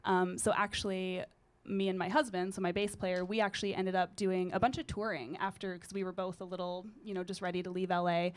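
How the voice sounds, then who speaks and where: This thirties-aged woman from British Columbia is a singer-songwriter guesting on a college radio show, speaking into a studio mic for a casual interview. Her low, gritty voice still carries a clear, resonant tone, and she talks fairly quickly. Comfortable and rambling, she fills her speech with plenty of little ums and uhs.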